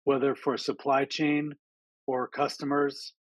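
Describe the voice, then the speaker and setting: Speaking at an online town hall over a video call, a man gives a friendly, chatty talk with frequent ums and uhs. His voice is medium-pitched and level, his pace measured, with no echo.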